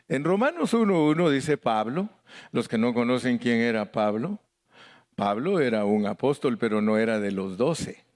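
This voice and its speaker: Mexican-accented male pastor, middle-aged, folksy Bible teacher who jokes and mimics voices, mid pitch. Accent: Mexican Spanish. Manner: folksy and joking, mimics voices, calls out to the congregation. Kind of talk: Bible study sermon.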